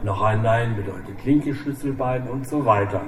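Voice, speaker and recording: A man voicing a calm, ruthless old gunman who threatens quietly. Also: mid-range voice, moderate pace, lightly acted. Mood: cold calm. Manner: quiet, soft-spoken menace. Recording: echoey room, distant mic, faint hiss.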